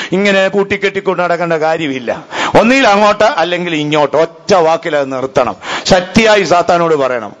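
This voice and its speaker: Guy preaching, high voice, gets loud and fervent, kinda muffled lo-fi audio. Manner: rises to loud fervent exhortation, calls for hallelujahs. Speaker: pastor. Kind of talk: sermon. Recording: dull lo-fi sound.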